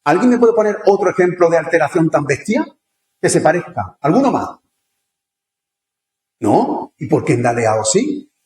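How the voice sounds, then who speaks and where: An Andalusian-accented man delivers a conference lecture in a casual, conversational way, often turning to the audience with questions. His voice sits a little high for a man. The room around him rings with a roomy echo. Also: big pitch swings, moderate pace, long pauses, a little mellow. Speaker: conference speaker. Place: lecture hall.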